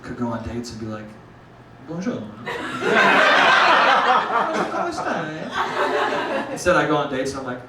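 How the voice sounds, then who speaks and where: On a club stage, a young man races through his comedy set with hardly any pauses, his mid-range voice casual and profane as he calls the crowd dude and bro. The laughing audience is heard in a very noisy, roomy, distant live recording.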